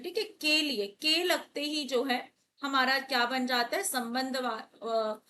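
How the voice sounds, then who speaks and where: A woman's voice: sits high, pushed and bright, a little hiss or hum. A young woman teacher working through exam questions, asking and answering her own questions as she explains. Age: young adult. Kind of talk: exam paper walkthrough lesson.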